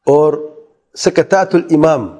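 Male religious teacher, slightly high, mellow voice, patient explainer who quizzes the class. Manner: explanatory, poses questions to listeners; softly demonstrates quiet recitation. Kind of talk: Islamic jurisprudence lesson.

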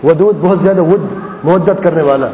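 A man teaching Arabic grammar in a classroom lesson. He repeats word patterns patiently and asks questions that he then answers himself. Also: warm tone. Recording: echoey hall, dull lo-fi sound, faint rumble.

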